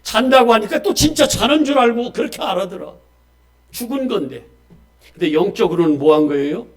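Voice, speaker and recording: A male pastor preaching a Sunday sermon, swinging between loud emphasis and quiet asides and calling on the congregation for amens. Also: high voice, lively intonation, brisk. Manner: asks the congregation questions and calls for amens.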